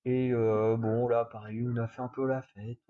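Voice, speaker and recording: A man's voice: medium pitch, little pitch movement, moderate pace, highs cut off. Young French man rambling through a story. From France. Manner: rambling, many fillers and restarts. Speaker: vlogger. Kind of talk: casual storytelling to camera.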